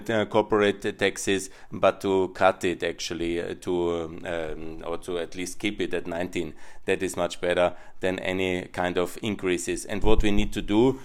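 A middle-aged man from Austria with a strong Austrian German accent, speaking English as a second language. He hosts a podcast and speaks earnestly about policy, halting often with filler sounds. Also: deep voice. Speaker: podcast host. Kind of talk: monologue on policy.

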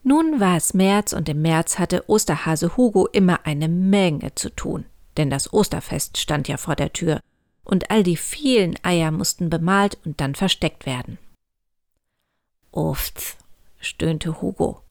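A woman reading a children's story aloud in a calm, clear, unhurried way. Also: fairly low pitch, no room sound, studio quality.

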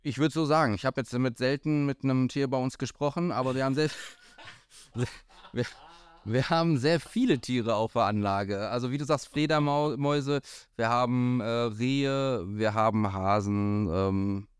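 A man's voice: medium pitch, normal speed, clear, resonant tone. A man talking as a golf pro in a casual podcast chat, hesitant, with many fillers and restarts. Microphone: studio microphone.

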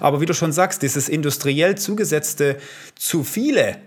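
A man talking as a health coach in a podcast conversation, energetic, with punchy short statements and rhetorical questions. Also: on the high side, normal speed, breathy edge. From Italy.

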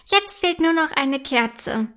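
A woman's voice: sits high, expressive, takes it slowly, fairly bright tone, heavily acted. Mera, a woman doing a tearful little girl. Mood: eager. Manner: tearful, then eager. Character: sad little kindergarten girl.

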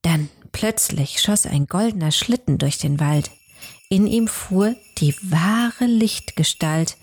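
A woman storyteller narrating a rhyming storybook, measured and sometimes hushed. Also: on the low side, breathy edge.

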